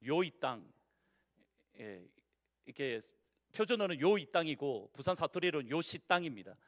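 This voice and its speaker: A male pastor with a Busan accent preaching a sermon, putting questions to the congregation and swinging from loud declarations to hushed endings. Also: a little high, sing-song, normal speed. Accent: Busan Korean. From Busan, South Korea. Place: church sanctuary.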